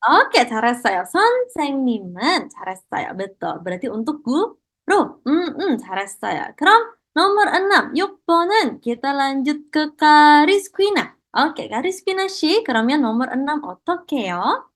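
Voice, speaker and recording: A woman's voice: sits high, big pitch swings, quick pace, fairly bright tone. A woman teaching Korean in an online class, encouraging students and mixing Korean praise into her explanations.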